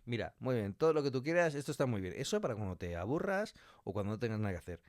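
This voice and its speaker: Here the guest is an audio fiction writer and director on a podcast, discussing his creative work with emphasis and acting out small quotes along the way. His mid-range voice is sing-song and a little mellow, and he talks fast. The recording is dry and studio quality, and the conversation animated.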